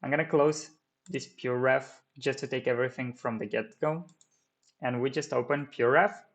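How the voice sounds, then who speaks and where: This is a screen-recorded software tutorial in which a native Romanian speaker guides viewers through 3D modelling from his desk, full of fillers and restarts. His voice sits in the mid-range, and the high frequencies are cut off.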